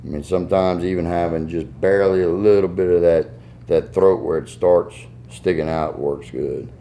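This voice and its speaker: A man's voice: low voice, steady tone, normal speed, dark tone. A man with a Southern US accent giving a casual hands-on tutorial in a folksy, step-by-step way. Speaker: goose call maker giving a tuning demonstration.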